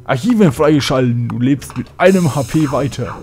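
A man talking casually over his game, with chatty asides and mumbled thoughts. His voice sits at an ordinary middle pitch. Faint music plays behind him. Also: animated, normal speed, a little mellow. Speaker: let's play gamer.

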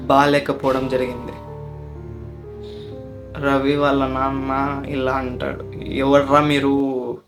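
A man casually telling a true-life story to his viewers, in a calm, conversational way. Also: mid-range voice. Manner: calm, conversational, retelling in plain speech.

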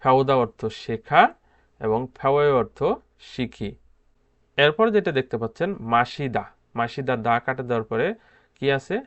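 A man's voice: mid-range voice, moderate pace, pauses often, a bit bright, highs cut off. A man teaching a grammar lesson. He repeats each word and answers his own questions. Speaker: language teacher.

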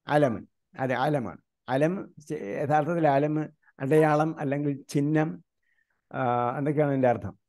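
A man from India teaches an online grammar class, quizzing students with repeated questions and slowly reciting grammar terms. His mellow voice is a little high, with fairly even intonation.

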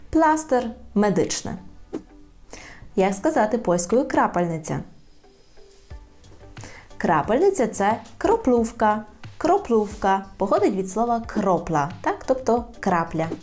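A woman teaching a language in a video lesson, repeating words slowly and carefully. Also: medium pitch, a little mellow. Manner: slow, careful repetition of words.

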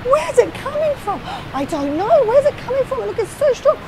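A woman voicing a group of eager, excited disciples in a children's Bible story, gasping with excitement. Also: moderate pace, noisy background, heavily acted. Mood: amazed. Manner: high gasping, breathless excitement.

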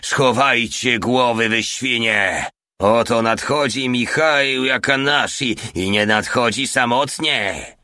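Narrator plays a guttural menacing fighter, taunting. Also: male voice, mid-range voice, takes it slowly, bright, forceful tone, no room sound, clean studio sound, voice pushed up.

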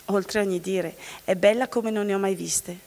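A woman's voice: mid-range voice, steady tone, moderate pace, a little mellow, natural voice. A proud donkey prince, read by a woman. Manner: read aloud plainly. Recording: long hall reverb.

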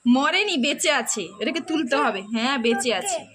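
A woman's voice: sits high, expressive, normal speed, fairly bright tone. A woman filming a casual family vlog at home, chatting to a small child and laughing often. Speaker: vlogger. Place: family home, kitchen and living room. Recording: noisy home phone recording.

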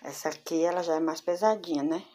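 A woman with a low-pitched voice talks casually to her viewers, showing off handmade crochet pieces one by one. Her tone is chatty and familiar. She speaks from a room at home. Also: fast talker, dark tone. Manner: chatty, addresses viewers as girls. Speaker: crochet vlogger. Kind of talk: casual show-and-tell. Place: home room with door closed.

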